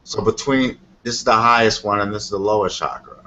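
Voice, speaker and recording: Low-pitched yet bright and forceful, this man speaks fairly quickly with a steady tone. As a tarot reader on a call-in show, he rambles through casual, spontaneous explanations, often asking "you know what I mean" to confirm understanding, all on dull lo-fi audio with clear noise.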